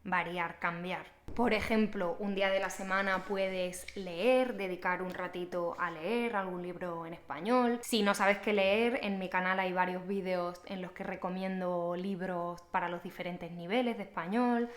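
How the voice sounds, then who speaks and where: A young woman teaching a language, talking casually to camera and explaining each point clearly and patiently to the viewer. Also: fairly low pitch, fairly even intonation, a little slow, few pauses. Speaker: Spanish teacher.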